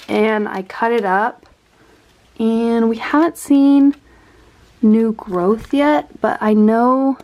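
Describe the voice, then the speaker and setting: A woman's voice: mid-range voice, warm tone. A woman giving a casual, chatty tour of her houseplants as a vlogger, laughing at herself and sounding a little out of breath. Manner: chatty, self-deprecating, laughs often. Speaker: plant vlogger.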